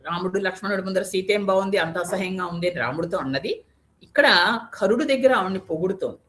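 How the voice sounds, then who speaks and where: Woman, devotional epic storytelling, conversational, rhetorical questions to the audience, explains word meanings, mid-pitched voice. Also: quick pace, fairly bright tone.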